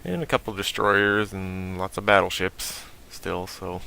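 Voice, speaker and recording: Gravelly-voiced man commenting on gameplay. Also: sits low, measured pace. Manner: relaxed, thinking aloud with fillers. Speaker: gaming video host.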